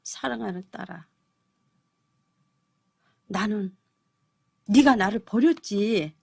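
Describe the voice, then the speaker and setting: A woman putting on the hushed voice of God. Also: medium pitch, gravelly, husky, pitched below the performer's own voice, exaggerated voice. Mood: tender. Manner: hushed, slow, tender. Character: God speaking, tender loving father.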